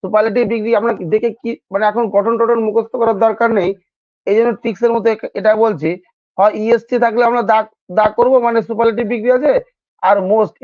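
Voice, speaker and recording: A male English teacher runs an exam-prep grammar lesson in a high-pitched voice, recorded with phone-quality sound and no echo. Speaking informally, he repeats every point and keeps asking his students questions.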